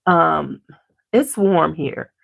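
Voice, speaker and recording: In a low, gravelly, expressive voice, very slow and dryly recorded, a congested Chicago-area woman hosts a beauty channel. She talks casually to a live audience at home, calling out viewers by name.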